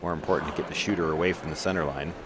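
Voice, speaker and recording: A man's voice: a bass voice, fairly even intonation, rapid-fire. A man giving live play-by-play curling commentary in a conversational way, putting questions to fellow commentators. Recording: noisy sports arena broadcast.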